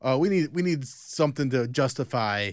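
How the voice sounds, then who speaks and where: A man hosting a podcast, talking in a relaxed, agreeable way. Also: mid-range voice, normal speed. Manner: laid-back, agreeable, lots of yeahs. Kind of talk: casual podcast chat.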